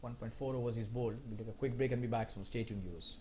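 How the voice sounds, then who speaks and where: A man giving live cricket commentary, excitable and shouting at the big moments. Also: mid-range voice, quick pace.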